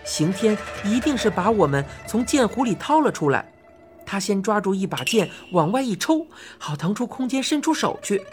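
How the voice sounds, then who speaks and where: A woman narrating a children's fantasy story as an audiobook, expressive and rising to cries in excited passages. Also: medium pitch, normal speed, soft background music.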